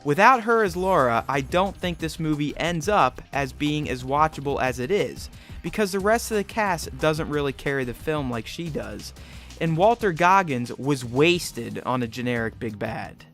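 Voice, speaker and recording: A man hosts a film review, reading scripted narration over a background music bed. His voice is fairly high and a bit bright, with lively intonation at a normal speed.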